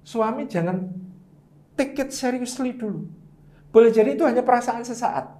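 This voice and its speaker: A man's voice: extremely high pitch, normal speed. A man preacher in a casual religious talk, telling stories and acting out the quotes. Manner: storytelling, animated with acted quotes. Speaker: Islamic preacher guest. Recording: roomy echo.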